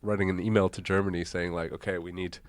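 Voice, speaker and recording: Startup founder guest from Hong Kong, relaxed and chatty, low voice, dry close mic. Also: male voice, fast, dry recording. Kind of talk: casual interview. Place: live podcast stage.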